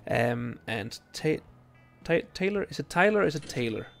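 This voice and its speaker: This young man from Denmark has a fairly high-pitched voice with vocal fry. Not a native speaker, he streams a video game while chatting loosely with viewers, relaxed but halting and full of ums and restarts. Game music plays faintly underneath.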